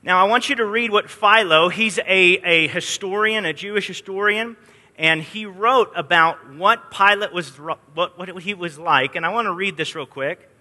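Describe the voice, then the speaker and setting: A man's voice: sits high, moderate pace, sharp tone. A man teaching a Bible study in a casual storytelling way, acting out the quotes. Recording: long hall reverb.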